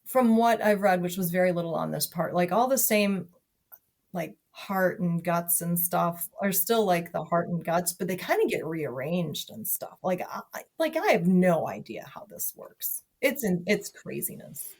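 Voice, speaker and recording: A woman's voice: lowish voice, lively intonation, moderate pace, darkish tone. A woman talking casually as a podcast guest, chatty, with lots of fillers and restarts. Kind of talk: casual conversation.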